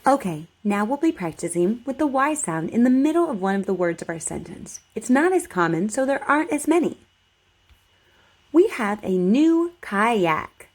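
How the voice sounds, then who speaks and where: A woman with a high voice leads a speech articulation drill as a teacher. Her intonation is very animated, rising and falling widely. She over-enunciates deliberately so that learners can follow each sound. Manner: over-enunciated, slow, deliberate model sentences.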